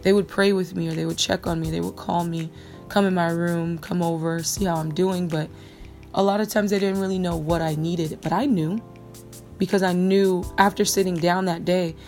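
A young woman hosting a personal faith podcast, telling her own story in a candid, animated way. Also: on the low side, normal speed, faint music behind. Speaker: podcast host.

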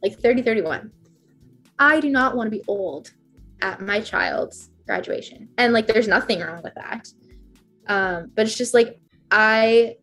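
This podcast guest, a woman in her twenties, keeps up a rambling, chatty conversation packed with "like" fillers, her medium-pitched voice carrying a fairly bright tone.

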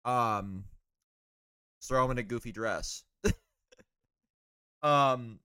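A man's voice: medium pitch, drawn-out words, sharp tone, clean tone, no echo, studio quality. A man co-hosting a fan podcast in casual chat, rambling with lots of fillers. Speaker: podcast co-host.

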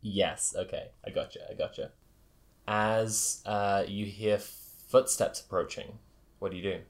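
Low-voiced man running a tabletop game. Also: steady tone, creaky. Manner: halting, hesitant delivery. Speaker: game master. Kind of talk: improvised tabletop game narration.

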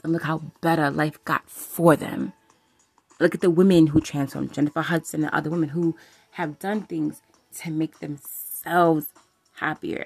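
This podcast host talks relationships in a loose, rambling way, cursing openly and saying "like" constantly. Her voice is fairly low, husky and darkish, with noticeable vocal fry.

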